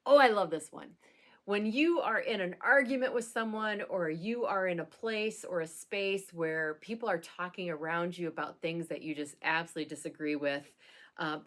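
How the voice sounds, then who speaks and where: A woman pastor talking casually to camera in a satirical vlog, with a dry, deadpan sense of humor and occasional laughing asides. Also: lowish voice.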